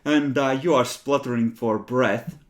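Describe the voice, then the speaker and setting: A man's voice: mid-range voice, unhurried. A man working as game master, narrating a tabletop game off the cuff in an amused way.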